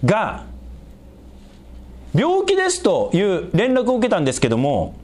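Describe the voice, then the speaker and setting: A middle-aged man preaching a sermon as a pastor, explaining scripture in an animated way and making small jokes with the congregation. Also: moderate pace. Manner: animated, raises pitch for emphasis and quoted lines, jokes with the congregation.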